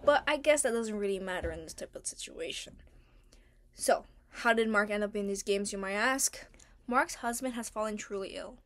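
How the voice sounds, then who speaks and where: A woman's voice: medium pitch, normal speed, fairly bright tone. A young adult woman giving a casual, chatty voice-over about her drawings and characters, in informal, slangy wording. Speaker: artist narrating own original characters.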